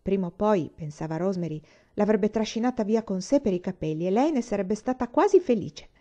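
A woman narrating a novel aloud in a measured, expressive audiobook reading. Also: medium pitch, dull audio. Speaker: audiobook reader.

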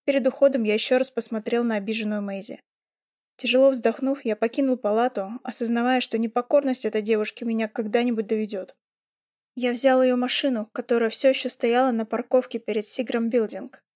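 A woman reading a first-person novel aloud in a steady, even way. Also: on the high side, dry recording, clean studio sound. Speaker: audiobook reader.

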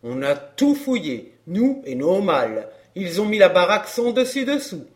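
A man's voice: high-pitched, very animated, moderate pace. A man voicing a down-and-out middle-aged fairground clown in an audiobook, talking in coarse, grumbling slang. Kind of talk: audiobook character reading.

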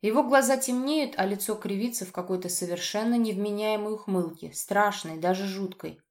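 A woman reading a first-person novel aloud, expressive and lively in the heroine's dialogue. Her voice sits in a mid pitch. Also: normal speed. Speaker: audiobook narrator.

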